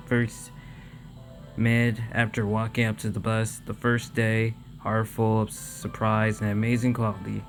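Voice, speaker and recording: A man reading a visual novel aloud with casual commentary, halting and stumbling over words. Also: lowish voice, gravelly. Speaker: let's play host reading a visual novel.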